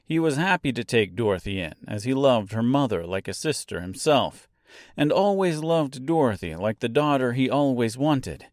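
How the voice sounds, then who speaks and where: A man's voice: mid-range voice, sing-song, moderate pace, a little mellow, dry recording, studio quality. A man reading a novel aloud as scripted narration, drawing out key words for drama. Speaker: audiobook narrator.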